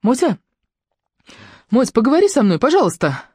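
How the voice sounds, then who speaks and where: A woman's voice: high-pitched, animated, brisk, a little mellow, no room sound, clean studio sound, voice pushed up. Woman doing a worried young heroine, urgent, anxious, slightly raised voice.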